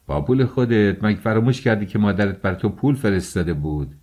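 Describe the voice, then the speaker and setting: A man's voice: on the low side, darkish tone, close to an everyday voice. A man voicing an eager, chatty young friend. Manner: eager, talkative, coaxing. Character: cheerful fussing young male friend.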